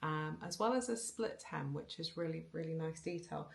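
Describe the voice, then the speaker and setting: A woman's voice: low-pitched, moderate pace, creaky. A woman with a Home Counties English accent who chats casually about her knitting, rambling with restarts. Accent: generic Home Counties English. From South Wales. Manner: chatty, rambling, with fillers and restarts. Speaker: knitting podcaster.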